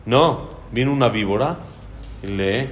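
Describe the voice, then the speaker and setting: A man teaching a Talmud lesson, telling the story in a lively way and often pausing on fillers. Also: medium pitch. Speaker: Torah teacher.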